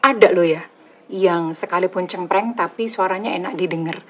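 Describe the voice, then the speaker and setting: A woman with an Indonesian accent and a slightly husky voice, doing a casual, chatty tarot reading for her viewers, teasing and joking as she goes. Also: lowish voice, moderate pace. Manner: chatty, teasing, laughs at own jokes. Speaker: tarot reader. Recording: slightly dull lo-fi audio.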